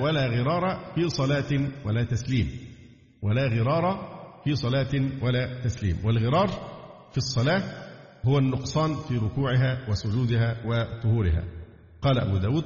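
A man with an Egyptian accent teaching Islamic jurisprudence, reading from a text and adding colloquial explanations with pauses and fillers. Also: mid-range voice, a little mellow. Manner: reads a text aloud, then breaks off into colloquial asides with hesitations. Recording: echoey hall, dull lo-fi sound.

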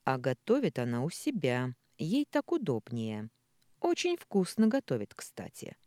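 A reader voicing a patient, tired middle-aged father who speaks calmly and reasons, in a read-aloud story. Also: mid-range voice, measured pace, dry recording, clean studio sound. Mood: weary. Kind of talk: audiobook character voicing.

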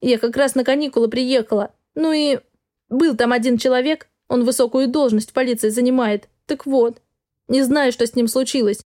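A woman's voice: high voice, fairly even intonation, normal speed, darkish tone, no echo, studio quality, lightly acted. A woman voicing a tearful, frightened young girl. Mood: pleading. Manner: sobbing, pleading, breathless. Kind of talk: audiobook dialogue.

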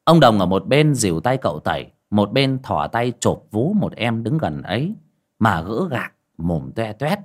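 A man narrating a ghost story in a lively, colloquial storytelling manner. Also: fairly low pitch, measured pace.

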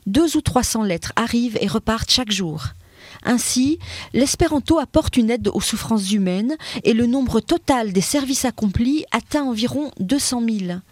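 A woman reads a history segment from a script in a measured, steady way. Her voice sits a little higher than average. The recording is dry and close to the mic. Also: no room sound. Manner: measured reading of a prepared text.

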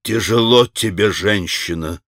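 A man's voice: fairly low pitch, measured pace, a bit bright, no echo, clean studio sound, pitched below the performer's own voice. A man voicing Mitya, an anguished impulsive young man.

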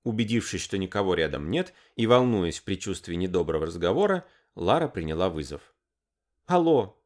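Deep male audiobook narrator, low voice but super lively, expressive read. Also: brisk.

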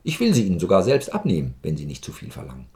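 A man voicing a self-assured male doctor who speaks in a measured, persuasive way. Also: on the low side, big pitch swings, dark tone, pitched above the performer's own voice.

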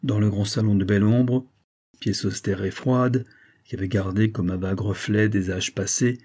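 A man narrating a classic novel as an audiobook in a measured, even way. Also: lowish voice.

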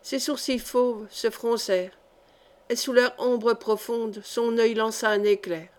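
A woman reading a historical novel aloud as an audiobook, with steady, clear narration. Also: on the high side, unhurried. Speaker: audiobook reader.

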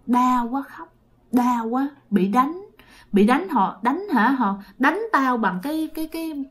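A woman voicing a gentle ghost of a tortured man who speaks quietly and haltingly, moaning about his pain. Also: high voice, big pitch swings.

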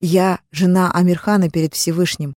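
A woman reading a first-person audiobook in a soft, even, intimate manner. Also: fairly low pitch, moderate pace, no echo, studio quality. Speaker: audiobook narrator.

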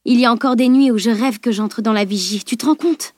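A woman's voice: a little high, brisk, no room sound, clean studio sound, lightly acted. A woman reading an audiobook, voicing a bold, blunt young female sword fighter who speaks frankly and with spirit.

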